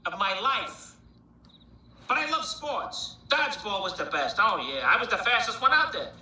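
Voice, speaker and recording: An actor playing a small one-eyed male monster, a wisecracking joker who runs through rapid stand-up patter and self-mocking gags. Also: high-pitched, sing-song, sharp tone, roomy sound, slight background noise, full character voice, low-quality recording. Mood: joking. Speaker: film character.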